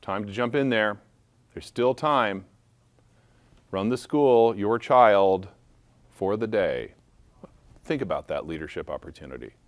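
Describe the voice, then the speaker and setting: A man's voice: lowish voice, expressive, unhurried, long pauses, no room sound. A man calling a live charity auction for a school, playful and joking between bids.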